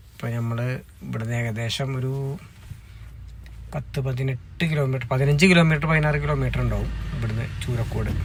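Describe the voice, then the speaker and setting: A man's voice: medium pitch, a little hiss or hum. A man with a Palakkad Kerala accent narrating a casual vlog in Malayalam mixed with English words. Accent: Kerala Malayalam, Palakkad area. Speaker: vlogger.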